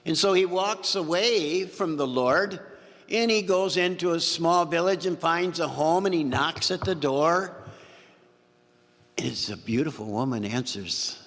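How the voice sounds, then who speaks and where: Gravelly-voiced pastor in a reverberant church. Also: male voice, fairly high pitch, a little slow, fairly bright tone. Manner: storytelling homily, repeats phrases for emphasis. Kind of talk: sermon.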